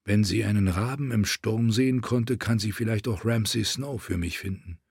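A man reading as a grim young commander, earnest and burdened, in a low voice. The sound is close and dry, like a storybook recording. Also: moderate pace, darkish tone, husky, no echo. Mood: grave.

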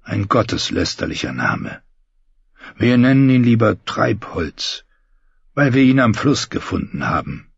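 A man voicing a weary middle-aged holy man, a former knight, speaking quietly and confessionally in an audiobook. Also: on the low side, big pitch swings, measured pace, creaky, breathy edge, no room sound, exaggerated voice. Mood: regretful. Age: 40s. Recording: dull muffled recording.

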